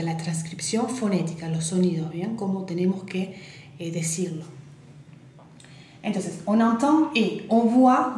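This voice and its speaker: A French woman with a French accent, a native French speaker teaching a pronunciation lesson patiently, step by step, drawing out model words slowly. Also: medium pitch, a little mellow. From France. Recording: echoey room.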